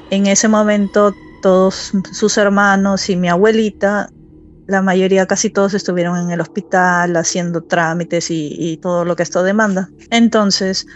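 A Peruvian woman in her forties tells a personal story over a call, her voice soft and hesitant, full of pauses and restarts. Her voice sits at an ordinary middle pitch, and the audio comes through dull and muffled, like a remote call. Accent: Peruvian Spanish. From Peru. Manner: soft, halting, with fillers and restarts. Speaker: caller telling a true story.

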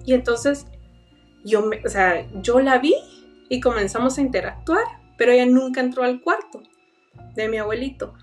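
Young woman, earnest halting storyteller, a little off-mic, soft music under. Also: on the high side. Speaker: guest telling a personal story. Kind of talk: personal paranormal testimony. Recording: voice a bit far from the mic, faint music behind.

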